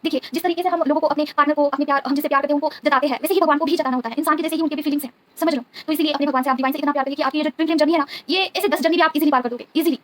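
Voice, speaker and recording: A woman tarot reader giving an earnest, devout spiritual talk to her viewers, often checking in with a quick "okay?". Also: sits high, fairly even intonation, a little hiss or hum. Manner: devout, keeps asking the listener "okay?".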